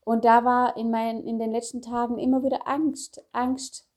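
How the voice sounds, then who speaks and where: A middle-aged woman coach giving a personal motivational talk, speaking affirmations softly and repeating them. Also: fairly high pitch, flat delivery. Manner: slow, soft, repeated affirmations. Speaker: self-help coach.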